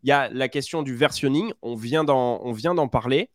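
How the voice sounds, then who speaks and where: A man's voice: mid-range voice, moderate pace, no room sound, studio quality. A man hosting a casual podcast interview, asking questions with many fillers and hesitations. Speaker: podcast host.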